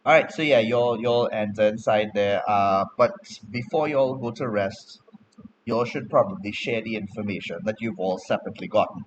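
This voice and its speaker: A man narrating a tabletop game as game master, in a relaxed, easygoing way. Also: on the low side, normal speed, muffled recording, slight background noise.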